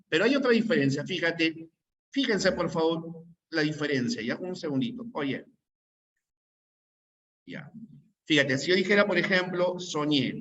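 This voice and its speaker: Bright-voiced man teaching grammar. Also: on the high side, highs cut off. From Peru. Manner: quizzing students with rhetorical questions. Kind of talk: online grammar class.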